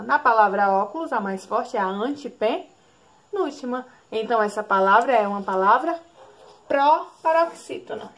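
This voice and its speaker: A woman's voice: high voice, a bit bright. A woman teaching a recorded class for young children, with a Brazilian Portuguese accent. She speaks in a sing-song way, drawing out words syllable by syllable and asking the class questions as she goes. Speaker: primary school teacher.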